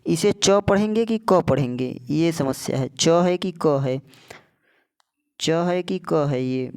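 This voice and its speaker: A man gives an explanatory lesson as a tutor. He speaks slowly and deliberately in a clear, resonant voice. He keeps repeating words and putting either-or questions to his students. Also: a little high, a little mellow. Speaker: English tutor.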